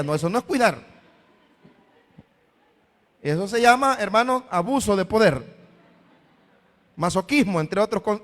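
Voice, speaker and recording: A man's voice: high-pitched, a bit bright. A man preaching a sermon as pastor, often calling his listeners brother and voicing their imagined questions. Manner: voices imagined questions from the congregation. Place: church hall. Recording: long hall reverb.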